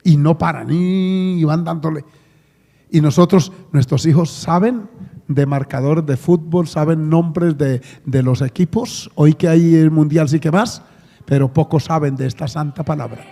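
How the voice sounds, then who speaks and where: A man's voice: fairly high pitch, steady tone, a little slow, vocal fry, warm tone. A middle-aged Colombian man preaching a sermon to his congregation, talking conversationally with asides and questions to the listeners. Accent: Colombian Spanish. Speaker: pastor. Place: church hall. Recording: long church hall reverb.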